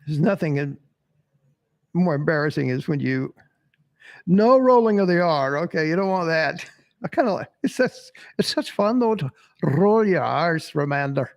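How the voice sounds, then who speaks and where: A man's voice: fairly high pitch, animated, normal speed, no room sound. A man hosting casual sports commentary, blunt and swearing freely, laughing at himself as he answers chat. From Tennessee. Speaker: sports podcast host. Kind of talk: casual live-stream commentary reading chat.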